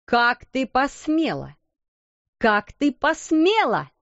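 A stern, greedy schoolmistress barks her orders in a clipped, scolding tone, as a woman reading a storybook puts her on. The voice sits a little high for a woman, and the recording is muffled and completely dry. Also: expressive, a little slow, no echo. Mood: furious. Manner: harsh, scolding commands.

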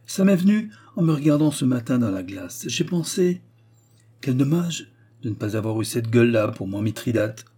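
A male reader takes on the role of a proud, fervent old tragic actor near death, pleading with grandiose emphasis. His voice is dark and husky, medium in pitch, sing-song, and at a moderate pace.

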